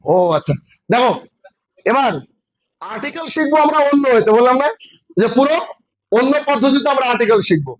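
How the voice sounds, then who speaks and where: A man's voice: extremely high pitch, expressive, a little fast, long pauses, low-quality recording. A man teaching English in a classroom lecture, explaining step by step and checking that students follow. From West Bengal. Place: classroom with a board.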